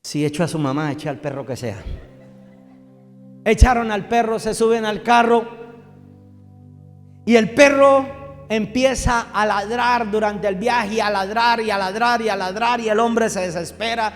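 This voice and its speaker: A Colombian man preaching a sermon as pastor, animated, acting out a joke with shouted lines. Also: high voice, a little slow, pauses often, long reverb tail, soft background music. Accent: Colombian Spanish. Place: church.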